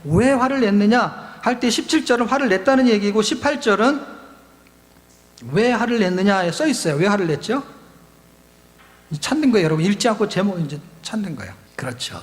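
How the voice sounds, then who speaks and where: A man's voice: sits high, expressive, fairly quick, big-room sound. A male pastor preaching at a youth retreat, explaining scripture in a conversational way, repeating key words and asking the audience questions. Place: church hall.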